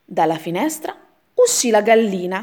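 A woman's voice: medium pitch, normal speed. A woman narrates a rhyming children's story in a sing-song cadence. Her voice sits in a middle register and rises and falls with lots of melody. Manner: lively sing-song rhythm.

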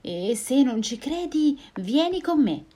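A woman voicing a small, clever, boastful male mouse in a storybook reading, chirpy and quick-witted. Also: high-pitched, very animated, warm tone, voice pushed up, full character voice.

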